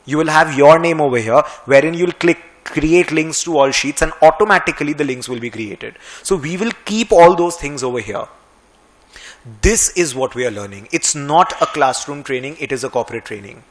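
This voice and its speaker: A man with an Indian English accent explains spreadsheet shortcuts in a quick, chatty tutorial voice, pitched a little above the usual male range. He sounds brisk and practical, with a faint sarcastic edge. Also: expressive. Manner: brisk, conversational, slightly sarcastic. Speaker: finance and Excel trainer. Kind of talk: screen-recorded software tutorial.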